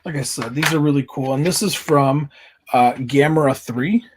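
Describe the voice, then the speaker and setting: A man's voice: on the high side, normal speed, slight background noise. A man talking casually in a collector haul video, chatty and enthusiastic, with many fillers. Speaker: collector vlogger.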